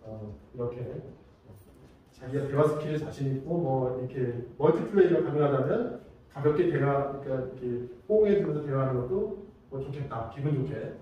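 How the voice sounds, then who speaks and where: A man giving a safety training lecture, telling lively stories and acting out examples. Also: mid-range voice, fairly quick, highs cut off. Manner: lively storytelling with acted-out examples. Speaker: safety instructor. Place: large lecture room. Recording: echoey hall, mic far off.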